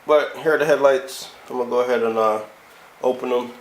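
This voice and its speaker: Stuffy-nosed, low-energy man vlogging. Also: steady tone, low-quality recording. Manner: low-energy, slow and loose, winging it. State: stuffed-up nose from being sick. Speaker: car channel host. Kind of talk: casual do-it-yourself car vlog.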